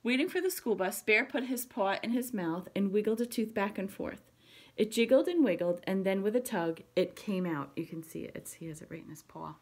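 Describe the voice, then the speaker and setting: A woman, a pre-K teacher, reading a picture book aloud to children, explaining the pictures gently. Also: mid-range voice, a little fast.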